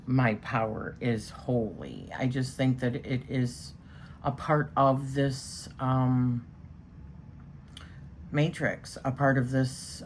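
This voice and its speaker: There's a little background noise as a woman with a very deep, slightly mellow voice talks through a tarot spread. She's a tarot reader with a strong voice, chatty and prone to rambling, with plenty of fillers.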